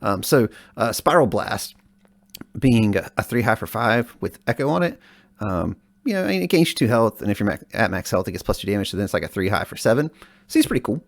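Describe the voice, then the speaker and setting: A man's voice: fairly low pitch, very animated, no echo. A man co-hosting a casual podcast, talking with plenty of filler words. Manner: fast, uses many fillers. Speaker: podcast co-host. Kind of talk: casual podcast chat about a card game.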